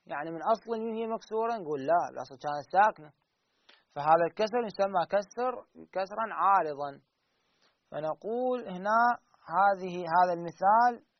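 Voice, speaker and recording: A man teaching Quran recitation rules, asking his students questions and answering them himself, drawing out the example words slowly. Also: sits high, a little hiss or hum. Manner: drawn-out slow recited examples. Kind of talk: teaching lesson. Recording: dull lo-fi recording.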